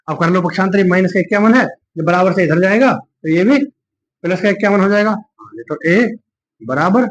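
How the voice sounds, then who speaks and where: A man teaching a maths lesson step by step, patient and reassuring, talking through each calculation aloud. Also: sits high. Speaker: maths tutor. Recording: dull lo-fi sound.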